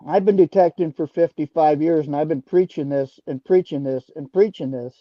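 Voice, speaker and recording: A man's voice: a little high, moderate pace, dry recording. An older man from Wisconsin calling in over the phone to a talk stream, speaking in an earnest, plain-spoken way as a detecting club founder. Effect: heard over the phone. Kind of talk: casual call-in chat. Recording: dull dry phone audio.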